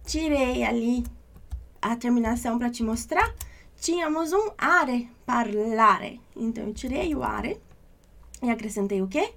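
High-voiced patient woman teacher. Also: lively intonation, gravelly, a bit bright. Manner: patient, reassuring, repeats examples slowly. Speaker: language teacher. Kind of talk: online lesson.

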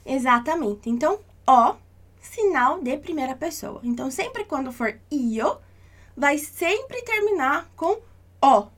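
A woman with a high, light voice, teaching an online language lesson. She speaks patiently and reassuringly and slows down to repeat each example. Her tone stays calm and encouraging.

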